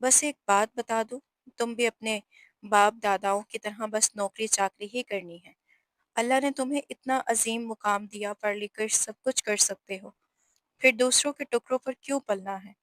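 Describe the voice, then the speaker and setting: A woman's voice: on the high side, fairly even intonation, normal speed, a bit bright, no room sound, close to an everyday voice. A woman voicing a widowed mother who scolds her only son firmly and emotionally in a storybook reading. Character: stern widowed mother, protective and tearful.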